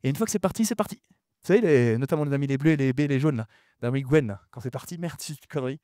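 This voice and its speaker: Fast, mumbling male conference speaker. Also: mid-range voice, lively intonation, warm tone, no room sound, studio quality. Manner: talks fast and mumbles his words; often repeats words and restarts sentences. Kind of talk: lively conference talk addressing the audience.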